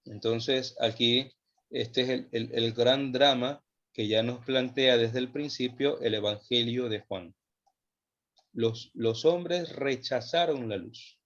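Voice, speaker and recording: A man's voice: mid-range voice, a bit bright, highs cut off. Man lecturing on theology, emphatic. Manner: slow, emphatic, repeats phrases while thinking. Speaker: theology teacher. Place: online class session.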